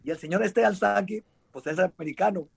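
Man, Mexican accent, husky, quick, animated storytelling. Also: high-pitched. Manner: animated, laughing, acting out shouted quotes. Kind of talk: casual storytelling.

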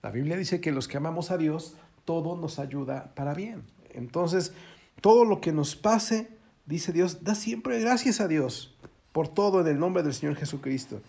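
A man's voice: fairly high pitch, unhurried, gravelly, mellow. A man preaching casually, folksy and joking, acting out little quoted voices. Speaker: pastor.

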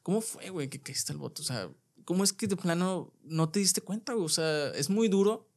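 A man with a Mexican Spanish accent hosts a casual podcast interview in a fairly high voice. He is supportive, gives short replies and asks gentle questions. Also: normal speed. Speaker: podcast host.

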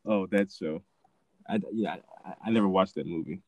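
Man, slightly low voice, conversational host, halting phrasing, frequent restarts, casual film chat. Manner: halting, often restarting sentences. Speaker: host asking questions.

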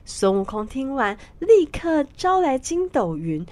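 A woman narrating a storybook tale for children in an expressive, sing-song manner. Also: high voice, unhurried.

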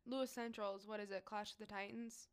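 A woman co-hosting a casual podcast chat, chiming in with quick reactions. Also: medium pitch, steady tone, clean tone. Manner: quick reactive exclamations and laughs. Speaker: podcast co-host.

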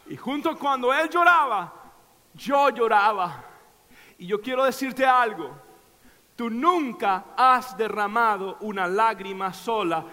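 High, bright-voiced impassioned male preacher. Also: long reverb tail. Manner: impassioned, swings from hushed to shouting. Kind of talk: sermon.

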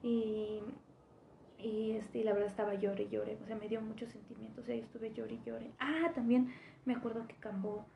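A young Mexican woman telling a personal story in casual podcast talk, chatty and sometimes dropping to a soft near-whisper, sounding tired. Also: on the high side, level tone, normal speed, vocal fry, a little hiss or hum. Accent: Mexican Spanish. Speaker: podcast host. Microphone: voice message recording. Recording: echoey room with faint ambience.

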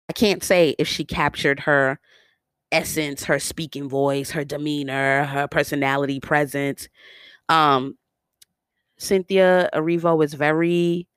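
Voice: medium pitch, fairly bright tone, clean tone, no room sound, clean studio sound. A speaker with a New York accent giving casual, opinionated commentary with sassy, slangy asides. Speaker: vlogger reviewing a biopic series.

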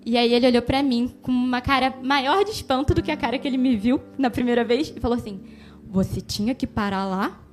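A woman's voice: high-pitched, fairly even intonation, fast, few pauses. A woman telling a personal story and leading a Bible devotional, talking conversationally and addressing the listener directly. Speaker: devotional speaker.

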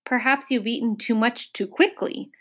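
A woman's voice: high-pitched, sing-song, a little slow, a bit bright, voice pushed up, full character voice. A woman voicing a polite, earnest young boy in a storybook, sensible and questioning. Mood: sympathetic.

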